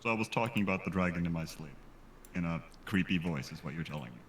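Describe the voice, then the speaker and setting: A man's voice: low voice, expressive, fast. A man playing a tabletop role-playing game, talking casually, often as his character. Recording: roomy echo, faint background noise.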